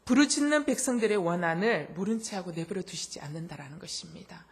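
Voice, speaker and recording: A middle-aged woman pastor preaching a sermon with a personal testimony, naturally loud-voiced, telling her story with emotion and acting out the dialogue, soft one moment and impassioned the next. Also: fairly low pitch, lively intonation, fast. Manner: swings between soft intimate lines and loud impassioned bursts.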